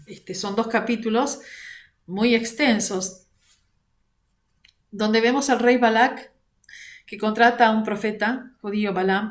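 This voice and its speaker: A woman from Argentina with an Argentine accent, teaching an online Bible lesson in a measured way, using fillers like "este", recorded on a computer mic. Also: mid-range voice. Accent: Argentine Spanish. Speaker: prayer ministry coordinator teaching a class. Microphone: computer mic on a video call.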